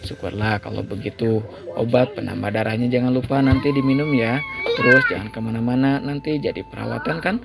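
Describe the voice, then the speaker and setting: A man voicing a young husband who fusses over his wife and coaxes her gently, in his own voice. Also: medium pitch, fairly quick, gravelly, very noisy, close to an everyday voice. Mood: worried. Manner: coaxing, fussing. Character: doting young husband, worried and protective. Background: background music.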